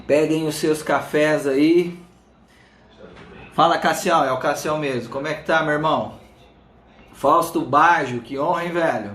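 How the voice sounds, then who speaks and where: Brazilian male live-stream host, higher-pitched voice, informal greetings, slightly swollen-tongue speech, roomy echo. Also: a bit bright. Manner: chatty, informal, addresses viewers by name. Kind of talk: casual live chat greeting viewers. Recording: roomy, echoing room sound.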